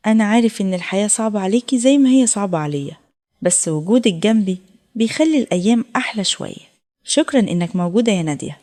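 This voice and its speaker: A woman voicing a gentle older Egyptian widower. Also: high-pitched, animated, quick pace. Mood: earnest. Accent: Egyptian Arabic. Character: lonely older widowed man, gentle and kind.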